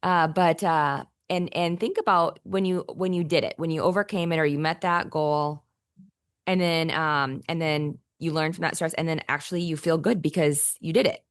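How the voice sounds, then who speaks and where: A woman's voice: low voice, steady tone, normal speed, no echo, clean studio sound. A woman co-hosting a podcast as a counselor, chatting upbeat and rambling with many fillers and restarts. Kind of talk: casual podcast chat.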